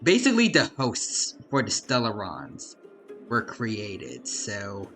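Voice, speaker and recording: A man doing casual live game commentary as a streamer, chatty and animated. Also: lowish voice, takes it slowly, music in the background.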